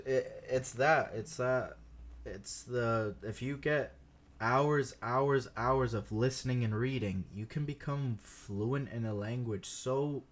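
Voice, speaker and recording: A man co-hosting a podcast in relaxed, casual chat, switching between English and Spanish mid-sentence and laughing often as he tells stories. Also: mid-range voice, slow. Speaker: podcast co-host, language learner.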